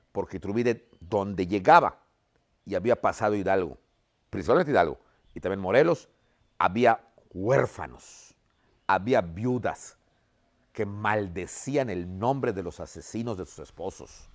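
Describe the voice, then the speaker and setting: A man teaching a history class, telling the story and checking in with "ok?" after nearly every point. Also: fairly low pitch. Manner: checks in constantly with "¿ok?", storytelling lecture. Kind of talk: lecture.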